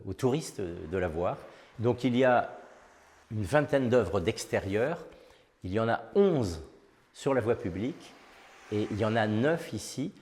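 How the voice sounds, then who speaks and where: Low-voiced man, measured town official. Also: a little mellow. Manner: measured, with frequent hesitations and restarts. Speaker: town official in charge of culture. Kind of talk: explaining an exhibition to camera. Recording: long reverb with faint music behind.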